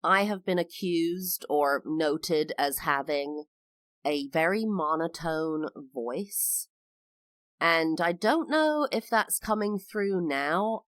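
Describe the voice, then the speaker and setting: Speaking slowly in a deep, fairly bright voice, a woman in her thirties from the United Kingdom hosts a personal podcast monologue. Her English accent carries a slight American tinge, and she enunciates carefully with a sing-song lilt. It's a dry recording.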